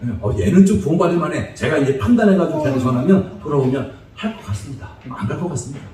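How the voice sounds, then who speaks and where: An evangelist preacher gives a humorous, chatty sermon lecture in a church sanctuary, often breaking into laughter. His slightly high, expressive voice races along, with crowd noise, echoey church acoustics, and a distant mic.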